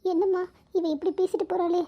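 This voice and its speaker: A woman's voice: extremely high pitch, little pitch movement, a little fast, voice pushed up. A woman voicing a caring, worried older mother. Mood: grateful. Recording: dull lo-fi recording.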